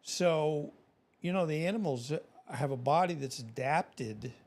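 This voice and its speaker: A man's voice: a little high, darkish tone. A man hosting a nature documentary style narration, reading facts and wandering off into folksy, casual asides of his own. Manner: folksy, digressive, often commenting on his own script. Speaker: narrator and host of an animal video.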